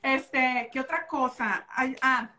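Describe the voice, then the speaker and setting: A woman with a Mexican accent, co-hosting a casual chat about motherhood and telling stories in an animated, slangy way. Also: high-pitched, takes it slowly. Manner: animated storytelling, slangy, expressive. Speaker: podcast co-host.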